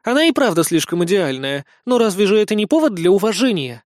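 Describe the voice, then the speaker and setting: A man's voice: high-pitched, big pitch swings, fast talker, no room sound, clean studio sound, pitched above the performer's own voice. Man doing a proud indignant blonde girl. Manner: indignant, earnest. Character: proud blonde young girl, loyal defender.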